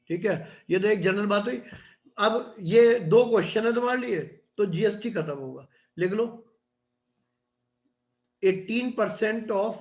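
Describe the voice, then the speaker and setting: A man's voice: high voice, roomy sound. A middle-aged man teaching a class in a chatty, conversational way, often checking in with his students. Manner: chatty, keeps adding "है ना". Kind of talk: classroom lecture.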